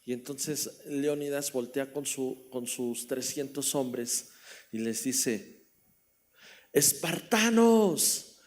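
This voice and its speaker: A man's voice: medium pitch, level tone, takes it slowly, darkish tone. A man with a Mexican Spanish accent preaching a sermon as pastor, telling a story and asking the congregation questions. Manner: storytelling, repeats phrases, asks the congregation questions. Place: church hall.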